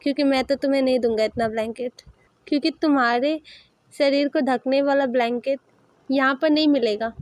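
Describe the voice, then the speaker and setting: A woman's voice: sits high, steady tone, a little fast, a little mellow, no room sound, natural voice. A woman voicing a cheeky, selfish young man who bickers with his friend in a storybook dub. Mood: teasing. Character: teasing selfish young man, quick with comebacks.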